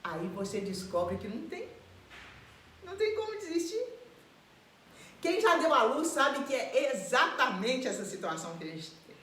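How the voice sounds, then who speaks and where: A woman preaching a live sermon in an animated way, acting out the voices of people she describes. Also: high-pitched, moderate pace, pauses often, a little hiss or hum. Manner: animated, acts out quoted voices and laughs. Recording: echoey room.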